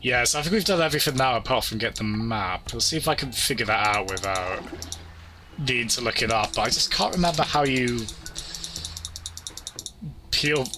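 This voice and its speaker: A man's voice: medium pitch, lively intonation, moderate pace, long pauses. A man in his thirties giving casual video game commentary, hesitant and thinking aloud as he plays. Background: game music.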